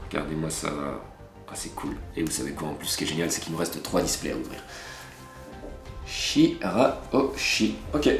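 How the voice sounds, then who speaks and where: A man hosting a card-opening video, chatting casually to viewers and exclaiming over each pull. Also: low voice. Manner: excitable, exclaiming over cards, chatty asides. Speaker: host opening trading card packs. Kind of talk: casual unboxing chat to viewers. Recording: roomy room with background music.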